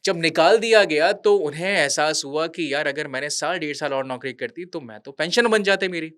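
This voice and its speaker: A man's voice: on the high side, normal speed, a bit bright, dry recording. A man in his thirties, a podcast guest, telling a true story earnestly in a conversational interview and dropping English words into his speech. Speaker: podcast guest, veterans' charity worker.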